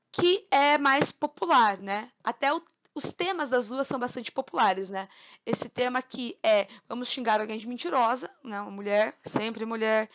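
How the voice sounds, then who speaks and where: A woman teaches a literature lesson. She counts syllables out loud one by one and checks in with her listeners with quick tag questions. The recording is dull and lo-fi. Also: sits high. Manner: counts syllables aloud slowly, asks for agreement with tag questions.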